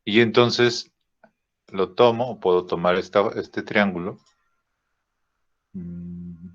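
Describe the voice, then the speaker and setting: A man teaching a drawing software lesson, thinking aloud with fillers and checking in with "¿sí?" after each step. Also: low voice. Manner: slow, checks in with frequent "¿sí?" and "¿no?"; thinks aloud with "este" fillers while clicking. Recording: dull lo-fi recording.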